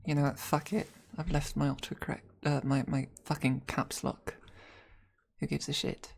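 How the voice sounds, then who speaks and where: A young adult woman streaming, chatting casually and thinking out loud as she plans a role-play with her chat, laughing often and swearing freely. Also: sits low, little pitch movement, normal speed, gravelly, a little hiss or hum. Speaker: ASMR streamer.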